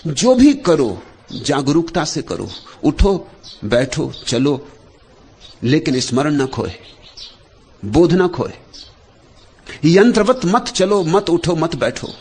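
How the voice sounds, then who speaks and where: A man delivering a meditative spiritual discourse as a teacher, speaking in short, measured phrases with repeated refrains. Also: fairly high pitch, very animated, darkish tone, a little hiss or hum.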